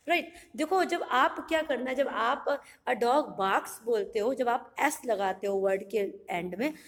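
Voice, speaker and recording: Woman from India, English tutor, slow deliberate drilling, higher voice in a reverberant room. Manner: spells words letter by letter, slow drilled repetition. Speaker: English teacher. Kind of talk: bilingual vocabulary lesson. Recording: long hall reverb.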